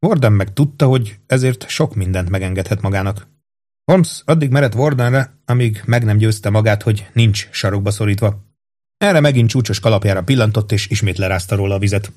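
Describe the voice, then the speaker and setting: Lower-voiced man reading an audiobook. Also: darkish tone. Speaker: audiobook narrator. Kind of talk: audiobook narration.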